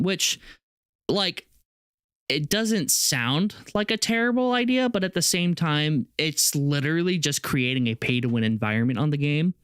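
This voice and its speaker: A man's voice: medium pitch, a bit bright, clear, resonant tone, no echo, studio quality. A young man co-hosting a gaming podcast, rambling in casual chat with many fillers and restarts. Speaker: podcast co-host.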